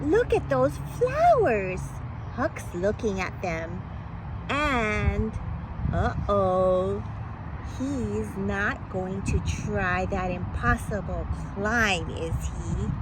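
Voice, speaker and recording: Over a noisy background, a woman with a medium-pitched, expressive voice reads a picture book aloud to children. She tells the story dramatically and playfully, using exclamations and suspenseful pauses.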